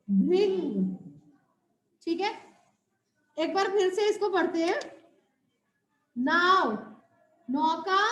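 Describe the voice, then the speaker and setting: A woman teacher giving a Hindi lesson to young pupils. She recites word lists slowly and stretches the words, then explains more quietly, checking with the class as she goes. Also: extremely high pitch, dull audio. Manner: addresses pupils as children, checks with "right?". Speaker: school teacher. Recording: roomy echo.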